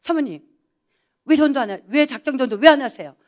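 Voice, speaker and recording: A woman's voice: high-pitched, lively intonation, fairly quick, pitched above the performer's own voice. A woman mimicking a pushy group leader who nags insistently and asks every question twice. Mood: nagging.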